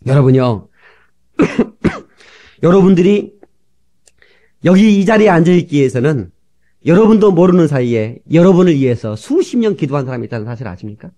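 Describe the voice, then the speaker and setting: A middle-aged male pastor preaching a fervent sermon, shifting from soft asides to sudden shouts and acting out the people he quotes, on an old cassette tape recording. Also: fairly high pitch, very animated, normal speed, long pauses.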